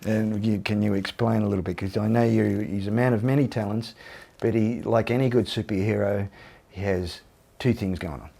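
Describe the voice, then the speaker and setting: A man's voice: on the low side, steady tone, moderate pace, gravelly, warm tone. A man hosting a casual interview, joking, swearing and rambling through his questions. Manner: jokey, swears, laughs often, rambling questions. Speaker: interview host.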